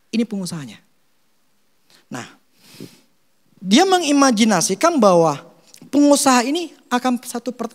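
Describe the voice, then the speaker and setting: A male pastor preaching, telling stories and acting out short quotes. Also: sits high. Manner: animated storytelling with acted quotes; casual Jakarta slang (gue, lu). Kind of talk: sermon.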